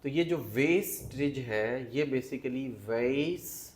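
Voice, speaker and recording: A man, teaching pronunciation in a classroom and drawing out the English words he models for the class. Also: mid-range voice. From Pakistan. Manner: slow, drawn-out model readings of English words. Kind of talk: classroom lesson, Urdu mixed with English.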